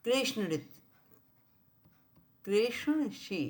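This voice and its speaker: A school teacher with a fairly high, animated, somewhat dark voice walks children through grammar at the board. She spells out and repeats each word slowly while writing, regularly checking understanding with "clear?" and "right?"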